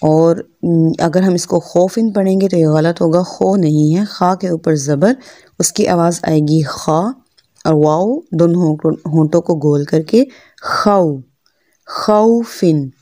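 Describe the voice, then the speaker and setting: Slow, mellow-voiced woman teaching recitation. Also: on the low side, no room sound, clean studio sound. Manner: patient, drawn-out practice words, careful articulation. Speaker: Quran teacher. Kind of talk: slow step-by-step pronunciation lesson.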